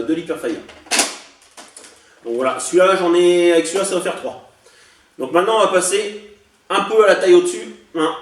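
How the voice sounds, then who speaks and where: A man casually showing off a haul of toy blasters, chatty and hesitant, often pausing and correcting himself. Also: fairly high pitch, far from the mic, a little hiss or hum. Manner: chatty, hesitant, many fillers and self-corrections. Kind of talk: casual unboxing vlog. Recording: echoey room, voice off-mic.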